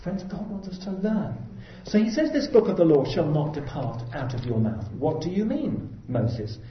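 A man's voice: fairly high pitch, sing-song, normal speed. A man preaching a sermon in an earnest, exhorting way, rising to emphatic peaks. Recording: dull roomy hall recording.

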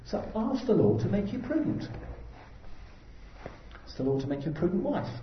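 A man's voice: high voice, big pitch swings, moderate pace, slight background noise. A man preaching a sermon in an earnest, exhorting way, rising to emphatic peaks. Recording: dull roomy hall recording.

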